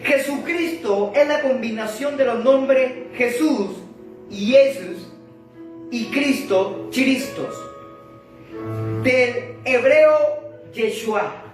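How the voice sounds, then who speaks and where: A man's voice: very high-pitched, very slow, pauses often. A male preacher giving a sermon, speaking emphatically and addressing the congregation directly, often repeating words and restarting phrases. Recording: very echoey hall from far off with faint music.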